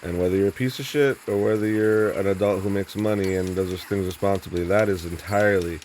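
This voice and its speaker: A man's voice: deep voice, fairly even intonation, brisk, a little mellow, a little hiss or hum. A young man telling a story in a rambling, blunt and profane monologue, full of restarts and fillers. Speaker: vlogger.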